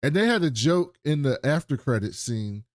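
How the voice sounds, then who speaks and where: A man's voice: mid-range voice, very animated, normal speed, no echo, studio quality. A man co-hosting a podcast, recapping scenes in casual chat and often laughing as he talks. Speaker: podcast co-host.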